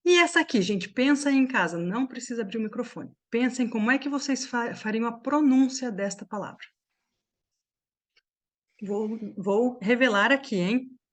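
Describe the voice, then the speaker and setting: This is a woman from Brazil with a rather high-pitched voice, leading an English class over the internet. Her pronunciation explanations are unhurried, and she frequently makes sure the learners understand.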